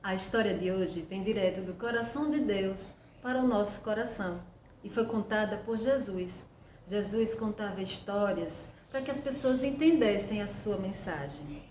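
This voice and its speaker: A woman telling a children's Bible story like a kindergarten teacher, in simple, deliberate phrases. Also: mid-range voice, darkish tone. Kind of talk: children's Bible story narration with sung refrains. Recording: roomy echo, distant mic, faint noise.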